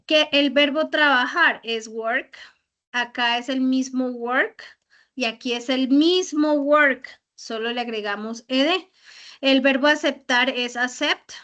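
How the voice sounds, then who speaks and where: A woman's voice: sits high, fairly bright tone. A woman teaching English grammar in an online class, explaining patiently with many repeated examples. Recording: slightly dull lo-fi audio.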